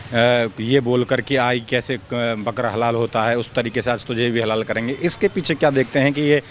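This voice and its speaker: A man's voice: medium pitch, fairly even intonation, moderate pace, a little hiss or hum. A male reporter asking people persistent questions on a busy street, pushing back hard when rebuffed.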